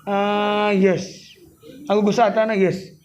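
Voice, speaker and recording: Guy with a really high voice doing a lively talk to a crowd, laughs a lot, slips into english, bit of room hum behind. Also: takes it slowly. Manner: playful, laughing often, mixes Hindi with English phrases. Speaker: spiritual speaker addressing an audience. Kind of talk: live motivational talk.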